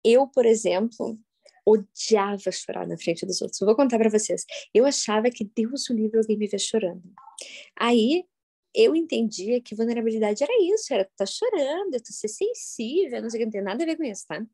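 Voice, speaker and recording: A woman, giving a live workshop talk to an audience, telling stories in a jokey, animated way with sudden loud, high bursts. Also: brisk, breathy edge. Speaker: workshop facilitator.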